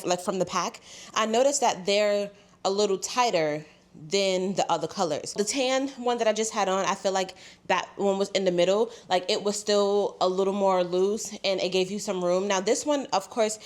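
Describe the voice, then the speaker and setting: A young woman, chatting casually through a clothing try-on haul, congested and a little out of breath, saying "y'all" a lot. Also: medium pitch. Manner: chatty, says "y'all" often. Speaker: fashion haul vlogger.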